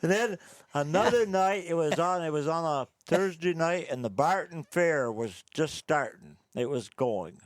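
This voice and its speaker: An older man tells rowdy, profane stories about his old crew with plenty of gusto. His voice sits a little high. The recording is dry and close. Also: lively intonation, measured pace, no echo. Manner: rowdy, profane yarn-spinner who laughs at his own tales. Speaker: guest recalling old times. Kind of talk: casual storytelling.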